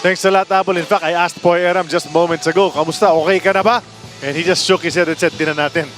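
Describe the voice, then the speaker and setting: A Filipino man calls live basketball in a high, quick-moving voice. Music is clearly audible behind his play-by-play. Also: fairly even intonation, a bit bright. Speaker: play-by-play commentator. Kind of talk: live sports commentary.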